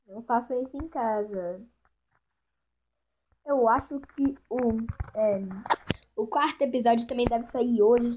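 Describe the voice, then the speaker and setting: A woman chatting casually through Minecraft gameplay, talking to the animals and to her viewers as she plays. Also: on the high side. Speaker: gaming channel host. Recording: tinny lo-fi mic with faint hiss.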